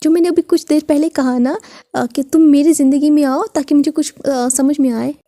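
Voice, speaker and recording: A woman's voice: high-pitched, fairly even intonation, warm tone, dry recording, studio quality. A woman doing a shy, hesitant eighteen-year-old girl. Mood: shy pleading. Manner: hesitant, halting, with many pauses.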